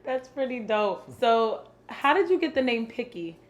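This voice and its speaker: Chatty woman hosting an interview, slightly high voice. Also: a little slow. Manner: lively and chatty, laughs readily. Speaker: show host. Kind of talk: casual interview chat.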